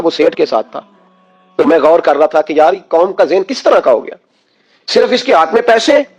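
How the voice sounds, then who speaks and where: A man preaching an emotional sermon, impassioned, firing rhetorical questions at his listeners. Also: high-pitched.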